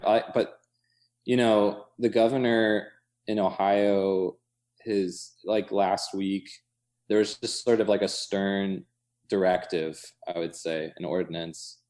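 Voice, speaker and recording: An American coffee shop owner talks casually in an interview, thinking aloud in loose fragments full of "like" and "you know." His voice is low-pitched with a darkish tone.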